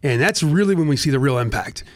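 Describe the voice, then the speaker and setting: A man's voice: medium pitch, animated, quick pace. An earnest man, a guest on a talk show, speaking casually with frequent restarts about volunteering. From United States. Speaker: nonprofit director, guest.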